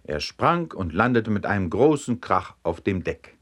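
A man narrating short jokes aloud in a lowish, expressive voice. His intonation moves widely, keeping each anecdote animated. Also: a little slow. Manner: expressive storytelling.

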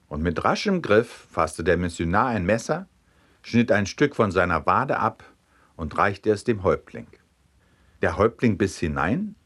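Low-voiced man telling funny stories. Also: slightly rough. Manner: lively, animated reading. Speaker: narrator. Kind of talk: scripted storytelling of jokes.

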